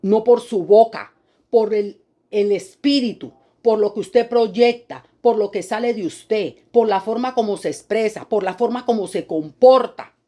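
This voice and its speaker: A woman preacher giving an animated sermon, acting out quoted people in high mocking voices. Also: measured pace.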